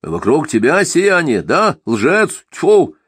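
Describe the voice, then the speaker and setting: A man's voice: medium pitch, big pitch swings, measured pace, slightly rough, dry recording, studio quality, pitched above the performer's own voice. A man voicing a ranting old man who calls himself god, fiery and scornful, in an audiobook.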